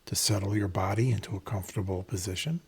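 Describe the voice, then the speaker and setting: With a low-pitched, breathy and husky voice, a man leads a guided meditation, giving instructions in a measured way and pausing between phrases.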